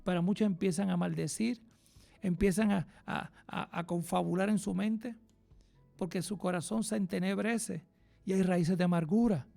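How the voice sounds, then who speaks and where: Male radio preacher, high gravelly voice, fervent, hush to loud. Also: steady tone, faint music behind. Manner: impassioned, swings from hushed to loud and fast. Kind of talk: radio sermon.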